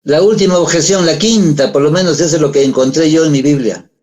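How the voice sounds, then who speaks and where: Pastor guy, middle-aged, slightly high voice, chatty sermon with lots of questions. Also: brisk, a little mellow. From Peru. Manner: conversational preaching with rhetorical questions.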